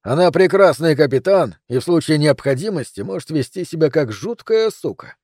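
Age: older man. Figure: a man doing a gruff retiring police captain. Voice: raised, loud, wry. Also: on the high side, expressive, moderate pace, no room sound, studio quality, pitched above the performer's own voice. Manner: gruff joking banter.

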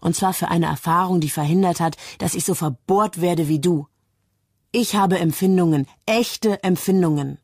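A woman reading the part of a passionate, defiant young man who argues heatedly in a declamatory way, in a husky voice. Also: lowish voice, normal speed, darkish tone, no echo, studio quality. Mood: stubborn.

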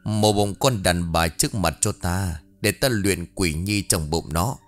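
A man's voice: low-pitched, a little slow, faint music behind. A male narrator voicing a wicked foreign sorcerer who barks orders. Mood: commanding. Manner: barking orders.

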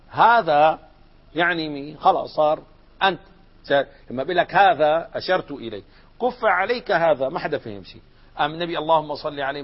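Sheikh teaching grammar, lo-fi. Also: male voice, fairly high pitch, breathy edge. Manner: asks the class questions and answers them, mixing formal Arabic with colloquial. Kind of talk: classroom grammar lesson. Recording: dull lo-fi lecture recording.

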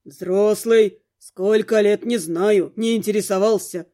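A woman's voice: medium pitch, fairly even intonation, takes it slowly, dark tone, voice pushed down, close to an everyday voice. A woman voicing a grumpy, sarcastic male ghost who lives in a mirror and answers in curt, grudging replies. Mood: grumbling.

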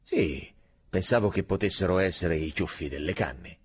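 A man voicing a calm, dutiful army sergeant who speaks evenly and slowly. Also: sits low, breathy edge. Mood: steady. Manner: even, slow, dutiful, matter-of-fact. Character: calm older male army sergeant, by-the-book.

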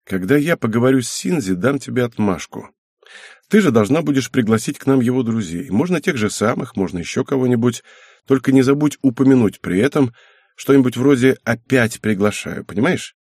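A man voicing a patient, tired middle-aged father in an audiobook, speaking slowly with sighs. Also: mid-range voice, animated, a little mellow, breathy edge, no room sound, clean studio sound. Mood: calm. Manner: slow, sighing, soothing.

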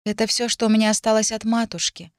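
A woman voicing a timid, mistreated young noblewoman who speaks quietly and pleadingly. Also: a little high, monotone, fast, no echo, studio quality, voice pushed up, natural voice.

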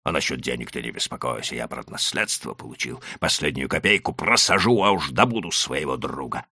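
A man voicing a desperate, hot-tempered male landowner who pleads and exclaims loudly in an audiobook. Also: a bass voice, lively intonation, a little fast, breathy edge, no echo, studio quality, voice pushed down, heavily acted. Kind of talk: audiobook character voice.

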